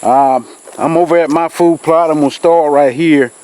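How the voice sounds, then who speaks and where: Standing in a rural field, a Georgia man who hosts an outdoors channel talks casually to a camera on a tripod, rambling folksily with plenty of fillers. His voice is a little high and dark in tone, nasal from a cold, at a moderate pace over soft background music.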